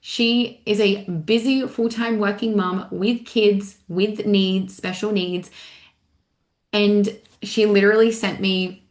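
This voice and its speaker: A woman's voice: mid-range voice, takes it slowly. Casual chatty woman coach, roomy sound. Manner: casual, filler-heavy with frequent "like", animated retelling. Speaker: mindset coach. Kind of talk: motivational talk. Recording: echoey room.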